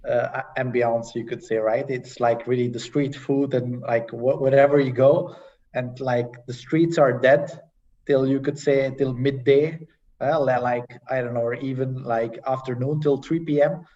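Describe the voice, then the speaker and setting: A young man speaks as a panel guest in a relaxed, conversational way, often stopping with fillers and restarting. His voice sits at an ordinary pitch. The video-call audio is dull and sounds as if he is some way from the mic. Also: distant mic. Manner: halting, many fillers and restarts. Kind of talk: casual conversational sharing.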